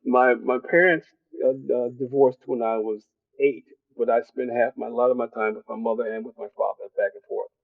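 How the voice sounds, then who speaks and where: An older man from Detroit, a guest who reflects on his upbringing in an unhurried, storytelling way, with frequent chuckles. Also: medium pitch, steady tone, creaky, no echo, phone-quality sound. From Detroit, USA. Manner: reflective storyteller, chuckles often, restarts phrases. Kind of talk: relaxed career interview.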